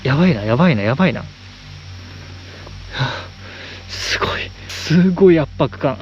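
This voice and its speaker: A man vlogging a night ghost hunt on a mountain, muttering in a hushed, nervous way into a handheld camera, outdoors in the rain. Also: on the high side, expressive, normal speed, dull audio, faint music behind. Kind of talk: ghost-hunting vlog commentary. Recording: noisy outdoor night recording.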